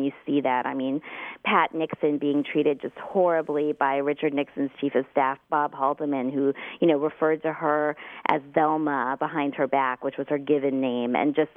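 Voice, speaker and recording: Low-voiced woman author on a phone line. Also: no echo. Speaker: author and journalist guest. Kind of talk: radio interview.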